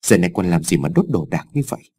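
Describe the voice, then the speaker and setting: A man's voice: sits low, big pitch swings, quick pace, a little mellow, husky, pitched below the performer's own voice, heavily acted. A man playing a stern, demanding young son. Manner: blunt, demanding.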